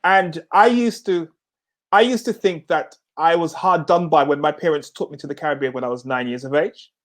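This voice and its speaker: A middle-aged Jamaican man hosts a casual talk show in a slightly high voice at a moderate pace. He often repeats words as he starts sentences, laughs a lot, and turns phrases into emphatic slogans.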